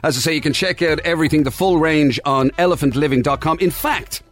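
Man, Irish accent, slightly high voice, casual chatty radio presenter, music behind. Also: fast, a bit bright. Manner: chatty, informal. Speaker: radio co-host.

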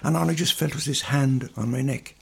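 Gravelly older man with a west of Ireland accent. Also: mid-range voice, a little fast. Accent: Galway, west of Ireland. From Galway, west of Ireland. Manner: rambling anecdotes with reported dialogue. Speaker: singer and musician being interviewed. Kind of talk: conversational storytelling in an interview.

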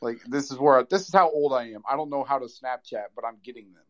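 A man's voice: mid-range voice, fast, highs cut off. An American man co-hosting a live audio chat in a casual, self-deprecating, informal way.

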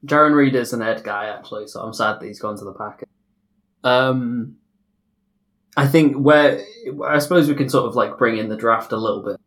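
A man's voice: medium pitch, moderate pace, a bit bright. A man co-hosting a casual sports podcast, joking and laughing through his lines. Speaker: podcast co-host.

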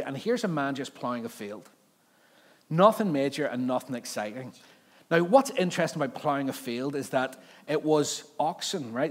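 A man with a Northern Irish accent from Belfast gives an informal sermon, talking conversationally to his congregation with rhetorical questions and frequent check-ins. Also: a little high. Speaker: preacher.

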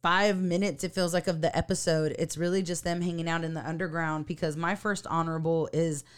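A woman's voice: low voice, fairly quick, clean tone. A woman co-hosting a podcast, chatting casually and animatedly while reviewing a TV episode. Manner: chatty and animated, fillers and laughs. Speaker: podcast co-host.

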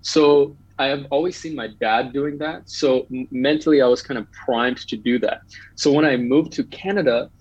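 A man's voice: medium pitch, moderate pace, a little mellow, slightly rough, dry recording, lo-fi sound. A man, talking eagerly as a podcast guest, with lots of um and uh. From Bangladesh. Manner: upbeat, talkative, with frequent um and uh. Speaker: guest entrepreneur. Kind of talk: casual podcast chat.

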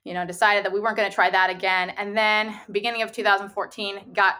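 A woman's voice: mid-range voice, level tone, fast talker, sharp tone. A woman speaking as an interview guest, recounting her experiences in a casual, conversational way. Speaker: podcast guest, online seller.

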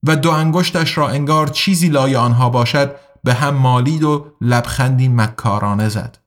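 A man narrating an audiobook in a measured, even reading voice. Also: mid-range voice.

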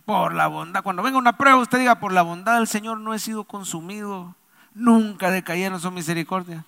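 A man's voice: high-pitched, fairly quick, creaky, pushed and bright, in a large hall. A man preaching a sermon, leading the congregation to repeat after him and acting out the voices in his stories. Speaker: pastor. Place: church.

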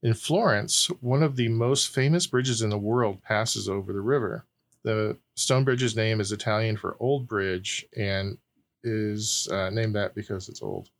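A man's voice: lowish voice, measured pace. A man hosting a casual quiz podcast, reading questions to friends and often breaking into laughter. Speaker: quiz host.

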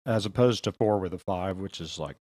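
A man co-hosting a casual podcast discussion, speaking haltingly and trailing off mid-thought. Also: sits low, dark tone, dry recording. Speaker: podcast co-host.

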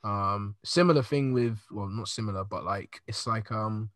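A man's voice: on the low side, normal speed, a bit bright, dry recording, clean studio sound. A man co-hosting a casual group podcast, making a point in a thoughtful, rambling way. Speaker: podcast co-host.

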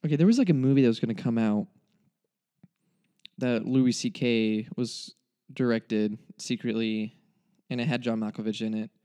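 A young man talks through a film review in a loose, rambling way, stopping and restarting his sentences with theatrical despair. His voice is smooth and clear, sitting at an ordinary middle pitch. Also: moderate pace, long pauses, dark tone. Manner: rambling, self-interrupting, mock-dramatic. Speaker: movie reviewer. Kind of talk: casual spoken movie review.

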